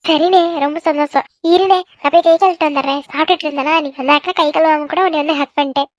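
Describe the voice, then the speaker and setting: A woman voicing a cheeky teenage village daughter in a cartoon, talking back quickly with a whiny, sassy manner. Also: sits high, fairly even intonation, no echo, studio quality, natural voice. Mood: tearful, pleading. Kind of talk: cartoon voice acting.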